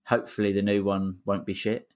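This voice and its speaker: A man co-hosts a football fan podcast, easygoing and chatty, retelling stories with quoted asides. His voice is fairly low, level and a little mellow, moving a little fast.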